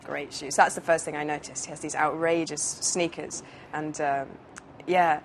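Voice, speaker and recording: British actress rambling thru an interview, lowish voice, faint noise behind. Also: female voice, little pitch movement, normal speed. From United Kingdom. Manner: chatty, rambling with many fillers and restarts. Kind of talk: casual interview chat.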